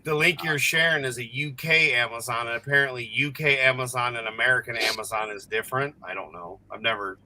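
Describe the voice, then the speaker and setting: A man's voice: mid-range voice, steady tone, fairly quick, few pauses, sharp tone, a little hiss or hum, rough recording. A man chatting casually on a live stream, muttering offhand remarks to himself. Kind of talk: casual chat.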